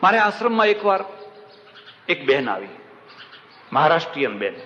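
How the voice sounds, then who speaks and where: A man's voice: fairly high pitch, sing-song, normal speed, sharp tone. A man giving a devotional sermon with storytelling, emphatic and repeating phrases for effect, in a large hall. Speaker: religious discourse speaker. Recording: reverberant dull hall recording, faint hiss.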